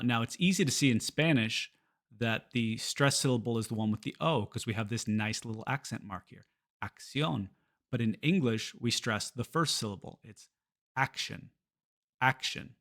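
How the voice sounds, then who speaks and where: A man giving a scripted pronunciation lesson. He switches between Spanish and English and repeats example words slowly and clearly. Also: medium pitch. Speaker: pronunciation teacher.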